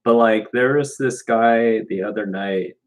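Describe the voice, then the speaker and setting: A man's voice: mid-range voice, unhurried. A man in casual voice chat, telling a story in a matter-of-fact way.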